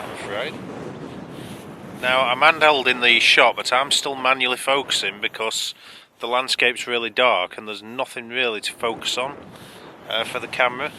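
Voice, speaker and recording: A man's voice: medium pitch, steady tone, moderate pace, pushed and bright. A British man giving casual, chatty narration for a photography vlog. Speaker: landscape photographer and vlogger. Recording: faint background noise.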